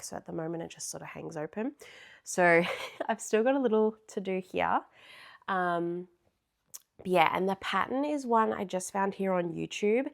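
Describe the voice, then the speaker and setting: Australian woman, young, low voice, crochet vlogger, chatty, rambling. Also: vocal fry. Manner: chatty, rambling, many ums and restarts. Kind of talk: casual show-and-tell chat.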